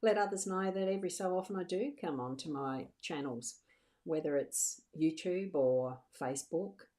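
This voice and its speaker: A woman's voice: on the low side, normal speed, warm tone. A middle-aged woman, a psychic medium, chatting reassuringly to viewers on a livestream, often restarting her sentences. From Australia. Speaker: psychic medium doing live card readings. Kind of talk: casual livestream chat.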